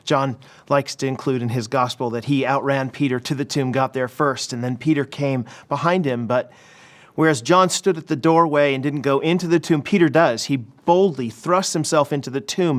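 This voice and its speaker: A pastor preaching at a church service, retelling a story in a lively way with frequent restarts. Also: male voice, medium pitch, normal speed. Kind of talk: sermon.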